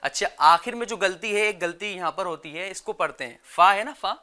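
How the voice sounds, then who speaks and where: Bright, clear-voiced male Quran teacher. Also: high voice. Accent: Pakistani Urdu. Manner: slow drawn-out recitation, then quick explaining, calls on children to repeat. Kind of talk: children's Quran lesson.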